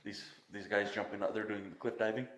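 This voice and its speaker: A man's voice: lowish voice, flat delivery, a little fast, a bit bright, roomy sound, a little hiss or hum. A young man co-hosting a casual podcast, teasing friends and telling a story with laughter. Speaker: podcast co-host. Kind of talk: casual chat.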